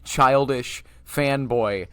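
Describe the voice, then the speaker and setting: A man's voice: mid-range voice, extremely slow, pushed and bright, clear, resonant tone, no room sound. A young man hosting a casual podcast chat in an upbeat, gushing fan manner. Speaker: podcast host.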